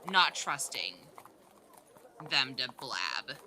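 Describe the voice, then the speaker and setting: A woman's voice: very deep voice, big pitch swings, drawn-out words, gravelly, sharp tone, slight background noise. A woman playing her character in a tabletop game, apologetic and rambling, often breaking into giggles. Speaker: player. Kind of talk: in-character tabletop role-play.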